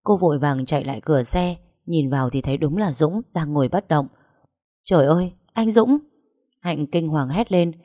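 Một người phụ nữ đọc truyện theo kịch bản, giọng đều đặn. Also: female voice, sits low, warm tone, dry recording, clean studio sound. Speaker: storyteller. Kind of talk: scripted audiobook narration.

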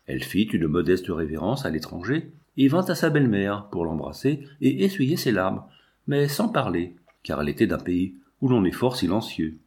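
Guy narrating an old novel, lowish voice, slow and steady. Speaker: audiobook narrator. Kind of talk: scripted narration.

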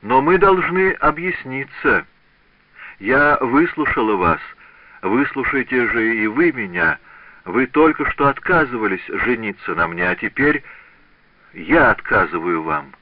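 A man voicing a lively, mocking young woman in an audiobook. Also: mid-range voice, unhurried, no room sound, highs cut off, voice pushed up, natural voice. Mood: proud. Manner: laughing, teasing speech.

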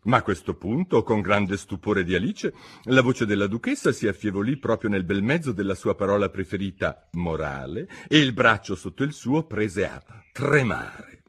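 A man narrating an audiobook in a theatrical, expressive manner. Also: on the low side, moderate pace, slightly rough.

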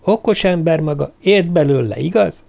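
A man's voice: a little high, animated, vocal fry, warm tone, pitched above the performer's own voice. Guy putting on a sly young woman, mocking and bossy, voice pushed way up. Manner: mocking, commanding. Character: mysterious young woman, mocking then furious.

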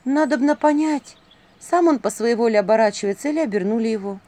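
A woman voicing a shy but earnest young maiden heroine, speaking up brightly. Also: a little high, quick pace, pitched above the performer's own voice, natural voice.

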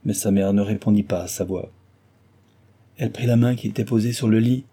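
A man's voice: fairly low pitch, husky. A man steadily reading a classic novel aloud as narrator. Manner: steady and measured. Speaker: audiobook narrator.

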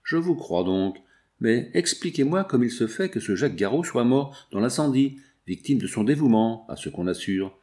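A man reading the part of a kindly village priest, speaking in a calm, measured way. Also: mid-range voice, close to an everyday voice. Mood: grave.

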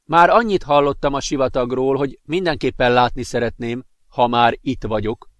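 A man voicing a curious young woman from Earth in a read-aloud story, speaking thoughtfully and quietly. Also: mid-range voice, no room sound, natural voice.

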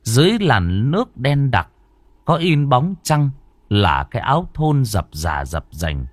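A man's voice: medium pitch, sing-song, unhurried, no echo. A man narrating a ghost story with a dramatic delivery.

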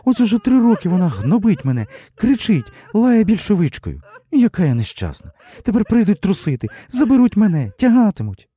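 A man's voice: a little high, very animated, quick pace, few pauses, warm tone, husky, voice pushed up. A man voicing a distraught, frightened young woman who speaks tearfully and bitterly, in a literary audiobook reading.

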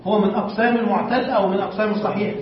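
A man's voice: sits high, steady tone, racing, slight background noise. A man teaching Arabic morphology to a class, reading from a text and putting questions to the students, then answering them himself. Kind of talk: classroom lesson explaining a text. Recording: distant, muffled, very echoey room recording.

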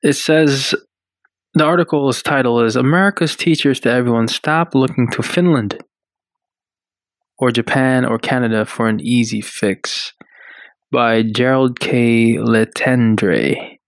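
A man co-hosting a radio talk show at a studio mic, with a dry, close sound. He chats casually and reads article passages aloud in a halting way, with plenty of fillers. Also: mid-range voice, no echo. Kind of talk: casual chat.

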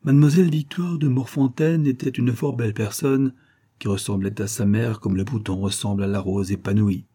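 A man narrating a classic novel as an audiobook in a measured, even delivery. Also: lowish voice, husky.

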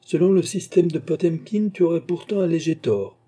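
A man's voice: on the high side, fairly quick, warm tone, breathy edge, voice pushed up. A man reading an audiobook, voicing a scheming, sneering old baron with a strident, raised voice. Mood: mocking. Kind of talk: audiobook character voice.

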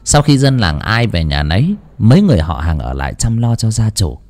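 A man's voice: on the low side, very animated, brisk, a little mellow. A man narrating a ghost story in a dramatic, suspenseful way.

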